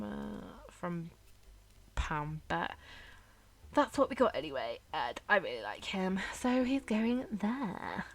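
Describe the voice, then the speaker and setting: A woman's voice: fairly low pitch, vocal fry. A young woman, chatting casually and rambling with fillers and giggles as she ranks characters. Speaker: YouTuber ranking characters. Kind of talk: casual chat over gameplay.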